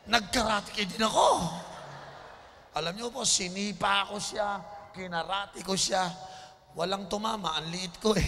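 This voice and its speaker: A man preaching a storytelling sermon, animated, swinging from soft asides to shouts and laughing. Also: high voice. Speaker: bishop, preacher. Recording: long hall reverb, faint noise.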